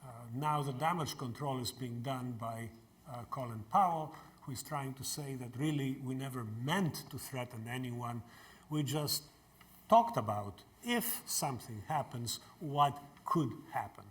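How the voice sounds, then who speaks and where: An older man from Greece, giving a university lecture and taking audience questions in a measured way. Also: medium pitch. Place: lecture hall.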